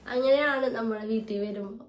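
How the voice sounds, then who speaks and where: A hoarse woman vlogger, chatting casually at her family home and often asking for agreement. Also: on the high side, brisk. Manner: chatty, rambling, asks for agreement. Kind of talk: casual home vlog chat. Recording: roomy echoey indoor sound.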